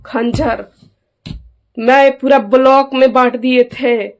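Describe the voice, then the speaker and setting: A woman's voice: high-pitched, fairly even intonation, slow, faint music behind. A middle-aged woman, speaking as an aggrieved mother in a casual vlog. She talks emphatically and keeps asking those around her to back her up. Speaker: mother airing a family grievance.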